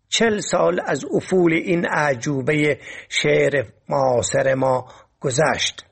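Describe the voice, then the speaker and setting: A man's voice: a little high, vocal fry, breathy edge. A man presenting a literary radio program in a formal, composed way.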